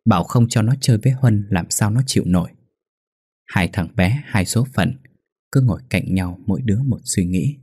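Husky, low-voiced male storyteller. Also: moderate pace, warm tone, no echo, studio quality. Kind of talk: storybook narration.

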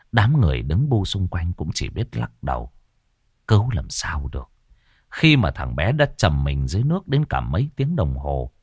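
Expressive low-voiced male story narrator. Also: no echo, clean studio sound. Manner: expressive, rising and falling storytelling. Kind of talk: dramatic horror audiobook narration.

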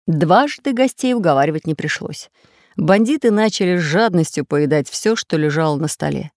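Casting: warm-lively storybook narrator, woman, close dry studio sound. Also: sits low, normal speed, dry recording. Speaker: audiobook narrator. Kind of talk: fairy tale narration.

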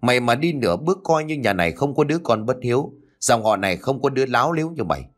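A man's voice: mid-range voice, big pitch swings, quick pace, soft background music. A man voicing a furious, domineering wealthy old mother who scolds with harsh insults. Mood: enraged.

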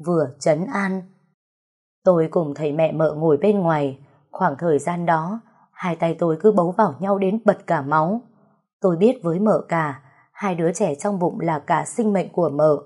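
A woman narrating a first-person story in a slow, emotional, dramatic reading. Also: on the low side, warm tone, slightly rough.

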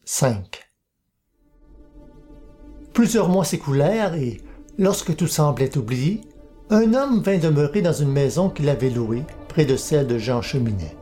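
Man with a mellow narrating voice. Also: fairly high pitch, lively intonation, moderate pace. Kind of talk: scripted storybook narration. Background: soft music.

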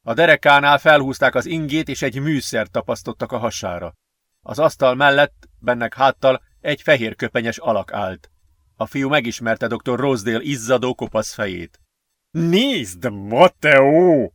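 A man reading an adventure novel aloud as an audiobook narrator, steady and measured. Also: medium pitch, no echo, studio quality. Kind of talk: scripted narration.

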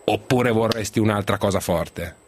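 A man's voice: fairly low pitch, moderate pace. A man hosting a sports radio show in casual talk. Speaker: radio host.

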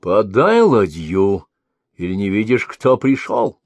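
A man voicing an imperious dark sorcerer. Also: fairly low pitch, very animated, takes it slowly, dry recording, heavily acted. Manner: commanding, sharp calls. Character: arrogant male sorcerer, imperious and impatient. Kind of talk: audiobook reading.

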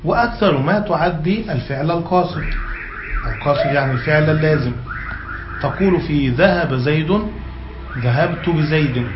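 A man's voice: a little high, a little fast. A man teaching an Arabic grammar lesson, reading passages aloud and explaining them, often checking that his students follow. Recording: echoey, dull lo-fi room recording with faint hiss.

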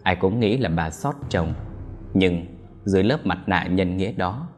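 A man narrating a dark village story in an expressive, dramatic way. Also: sits low, unhurried, soft background music.

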